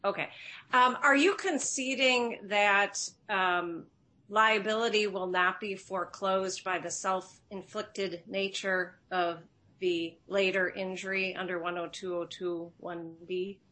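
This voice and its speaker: A woman's voice: mid-range voice, fairly even intonation, slow, sharp tone. A woman judge asking counsel a precise, polite legal question in court.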